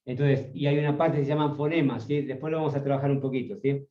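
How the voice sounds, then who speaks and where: A man's voice: medium pitch, steady tone, quick pace. A man teaching an online workshop, checking in with a questioning "sí?" after nearly every phrase. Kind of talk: spoken workshop lecture. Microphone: video call. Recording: roomy, distant, dull video call audio.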